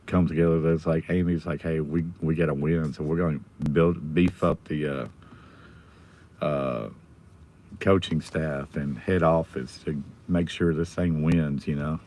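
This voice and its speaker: A low-voiced American man chats casually to his livestream. His voice is hoarse and almost gone, so he stays subdued and avoids getting loud. He is recorded in a car with some background noise. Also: fairly even intonation, measured pace. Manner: subdued, holding the volume down. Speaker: livestream host. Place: inside a car in a school pickup line.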